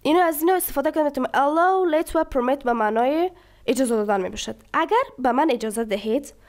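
A woman teaching English vocabulary. She reads each English sentence slowly and then explains the words one by one. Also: high-pitched, a little mellow. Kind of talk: bilingual vocabulary lesson.

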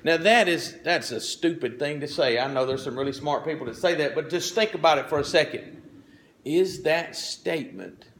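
A middle-aged male pastor delivers a sermon in a loose, folksy manner, tossing in asides and checking in with the congregation. He clears his throat often as he goes. His voice sits somewhat high for a man. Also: a bit bright. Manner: folksy, conversational preaching with frequent asides.

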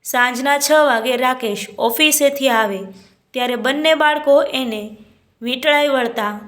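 A woman with a high voice tells a story as a storyteller. She reads it as scripted narration. She speaks every character's lines in her own voice without putting on voices. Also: unhurried, a bit bright.

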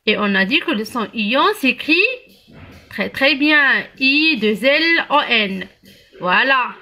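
A woman teaching young children to read, spelling out letters and syllables slowly and praising the class often. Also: on the high side, animated, bright, forceful tone. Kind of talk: early reading lesson for young children.

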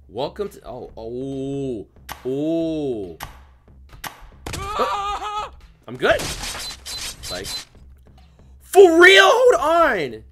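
A man doing let's play commentary, excitable and yelling at the game. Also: fairly high pitch. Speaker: gamer.

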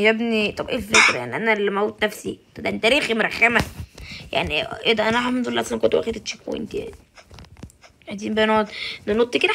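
A woman with an Egyptian Arabic accent hosts a let's-play, talking back to the game in a chatty, excitable way. Her voice sits a little high and has a gravelly edge, and she speaks very fast. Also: noisy background. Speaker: gaming channel host. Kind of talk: let's-play gaming commentary.

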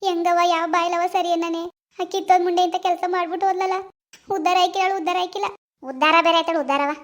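A despairing old village mother laments in a slow, tearful voice that sits very high, voiced by a woman in an animated cartoon drama. Her words drag out between sobs. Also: gravelly. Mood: bitter. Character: grieving elderly village mother, weepy and despairing.

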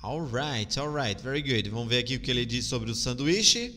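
A man's voice: medium pitch, animated, moderate pace, sharp tone, in a large hall. A Brazilian man teaching English in a live online lesson, patiently repeating phrases and drilling pronunciation with a Brazilian Portuguese accent.

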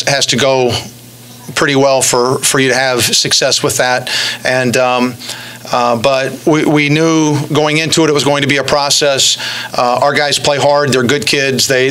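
A middle-aged man, a basketball coach, answering press questions after a game, halting with many fillers and restarts, speaking into a podium stand mic. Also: medium pitch, fairly bright tone, clear, resonant tone, rough recording. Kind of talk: post-game press conference. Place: press room in front of a backdrop.

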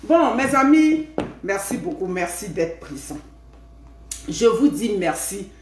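A middle-aged woman with an Ivorian French accent chats with her live-stream viewers from home. She talks in a lively, familiar way and keeps checking in with a questioning "hmm?". Her voice sits at a middle pitch and bounces around an echoey room. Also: takes it slowly. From Ivory Coast. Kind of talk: casual live chat.

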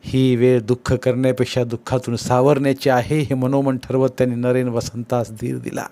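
A man's voice: medium pitch, dark tone, no echo. Male audiobook narrator, dramatic mystery reading, dry close sound. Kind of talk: novel reading.

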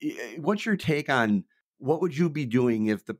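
A middle-aged man co-hosting a political podcast, telling lively stories and laughing easily. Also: mid-range voice, a little slow, dry recording, clean studio sound. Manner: animated storyteller, laughs easily. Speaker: podcast co-host. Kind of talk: casual political chat.

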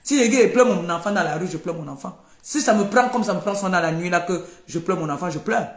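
An older woman with a lowish, animated voice rants quickly on a live stream, scolding, accusing and repeating her points in heated fashion. She's recorded in an echoey room.

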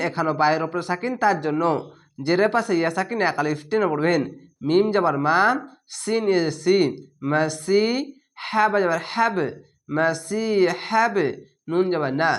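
A man teaching Quran reading, spelling out each syllable and drawing the words out in slow chanted recitation between plain explanations. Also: sits high, a bit bright.

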